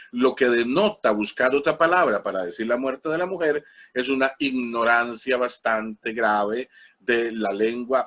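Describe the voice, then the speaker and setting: A man with a Costa Rican accent teaches a parish class in an easygoing lecture style. His voice sits at an ordinary middle pitch, and he explains patiently, pausing on fillers and spelling out terms letter by letter. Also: fairly bright tone. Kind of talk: informal lecture.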